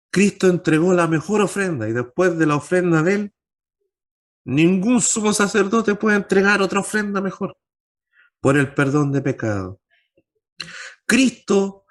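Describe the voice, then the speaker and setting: A man teaching a Bible class as pastor, posing rhetorical questions and answering them himself, pushing his pitch up on key points.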